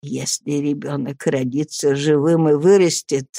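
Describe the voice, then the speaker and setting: A woman voicing a hoarse, faint dying old woman who confesses slowly and with guilt, in a storybook reading. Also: deep voice, steady tone, warm tone, dry recording, studio quality. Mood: weak, confessing. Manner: slow, drawn-out confession.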